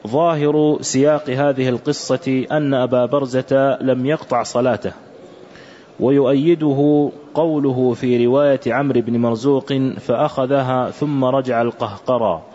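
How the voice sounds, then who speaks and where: A man reading aloud a classical religious commentary for a teacher, in a measured, careful recitation. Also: medium pitch, steady tone, warm tone. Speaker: student reading the text aloud. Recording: dull lo-fi recording.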